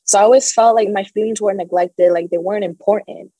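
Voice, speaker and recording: A woman's voice: medium pitch, steady tone, quick pace, dark tone, breathy edge, no room sound, low-quality recording. A young adult woman telling her personal story as an interview guest, open and emotional, with a nervous laugh now and then.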